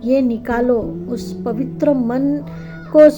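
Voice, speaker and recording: Woman telling as a calm wise old saint. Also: high-pitched, slow pace, soft background music. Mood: instructive. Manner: patient, gently instructive.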